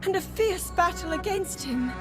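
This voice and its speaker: A woman playing a young princess scholar in a video game, gentle, earnest and curious, speaking softly and precisely. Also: very high-pitched, expressive, normal speed. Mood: studious wonder. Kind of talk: video game cutscene voice acting. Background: music.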